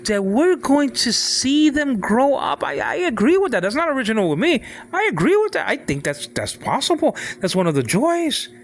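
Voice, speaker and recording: A man of sixty giving an informal talk on faith, halting and repeating himself, often asking if the listener follows. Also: very high voice, big pitch swings, slight background noise. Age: 60s. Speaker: father speaking on faith.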